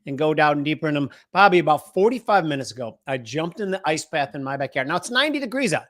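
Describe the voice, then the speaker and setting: Middle-aged American man, host. Higher voice, animated, joking market banter. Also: quick pace. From United States. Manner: joking, animated, laughs often. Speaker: co-host of a trading show. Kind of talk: casual market chat.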